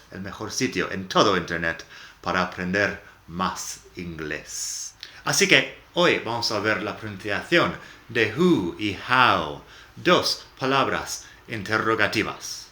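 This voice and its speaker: A man who is a native English speaker, teaching English pronunciation in Spanish in a casual, upbeat video lesson from his sofa at home, slowing down to model the English words. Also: on the low side, sharp tone. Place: home living room, on a sofa. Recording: echoey room.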